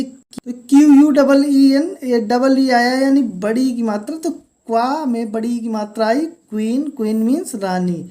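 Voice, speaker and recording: A woman leads a vocabulary lesson, her voice sitting a little high yet sounding mellow and warm. She spells each word out one letter at a time and then explains it patiently, the way a teacher talks to her class. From India. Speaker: English teacher.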